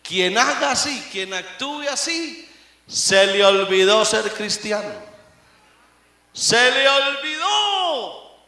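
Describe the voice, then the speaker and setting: A man preaching a sermon as pastor, swinging between loud emphatic lines and hushed asides. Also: extremely high pitch, lively intonation, takes it slowly. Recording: echoey room.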